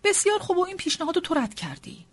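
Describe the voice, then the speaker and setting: A woman voicing a calm, wry older father in an audiobook, speaking in a measured, ironic way. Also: very high voice, voice pushed up. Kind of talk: audiobook character reading.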